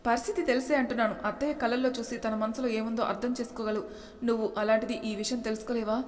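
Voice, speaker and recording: A woman's voice: fairly high pitch, fairly even intonation, fast, natural voice. A woman voicing a feisty young wife who answers back boldly, in a storybook reading. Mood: persuasive. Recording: echoey room with long reverb.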